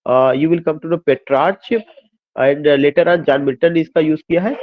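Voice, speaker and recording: A man's voice: on the high side, slow pace. A man teaching poetic forms in mixed English and Hindi, posing questions and answering them himself, with frequent hesitations. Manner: explains by asking and answering his own questions. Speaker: literature teacher. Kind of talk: lecture mixing English and Hindi. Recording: dull, dry lo-fi sound.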